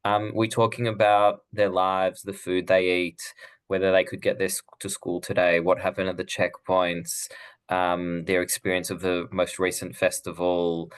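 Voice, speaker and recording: Born in Israel and raised in Australia, this middle-aged author is a guest in a conversational interview, earnest and thoughtful with many restarts. He speaks at a moderate pace in a deep, clean, monotone voice.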